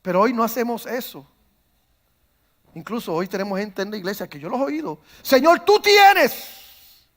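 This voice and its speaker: A man with a high, ringing voice preaches a sermon to his congregation. He tells stories and acts out the voices in them, and he moves from calm to loud, fervent preaching. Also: moderate pace, long pauses. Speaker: pastor. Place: church.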